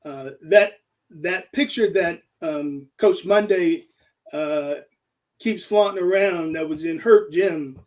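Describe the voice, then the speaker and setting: Brief: fifties man, high voice, halting reminiscer, sits back from the mic. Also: darkish tone, far from the mic. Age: 50s. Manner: reminiscing, halting with many fillers. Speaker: guest, former coach.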